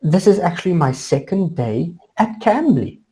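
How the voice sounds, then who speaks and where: A South African woman with a low, mellow voice leads a friendly online English lesson. She talks in an upbeat, chatty way, full of fillers and encouragement. She sounds like she is on a video call. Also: big pitch swings, measured pace. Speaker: English tutor.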